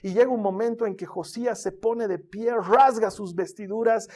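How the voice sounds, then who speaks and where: High-voiced pastor preaching dramatically. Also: male voice, steady tone, moderate pace. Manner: dramatic storytelling, acts out voices, swings from hushed to loud. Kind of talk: sermon.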